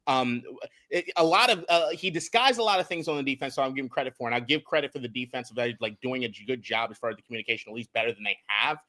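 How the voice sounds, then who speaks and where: A man co-hosting a casual sports podcast, talking in an animated way, swearing, laughing and restarting his words as he breaks down game film. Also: mid-range voice, very fast. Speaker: podcast co-host and film analyst.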